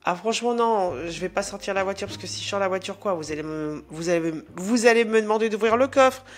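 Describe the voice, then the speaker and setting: A woman's voice: mid-range voice, quick pace, slight background noise, voice pushed up, lightly acted. A woman voicing a brazen male driver who offhandedly owns up to everything in a spoken joke. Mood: nonchalant. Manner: nonchalant, offhand. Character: brazen male speeding driver, casually confessing crimes.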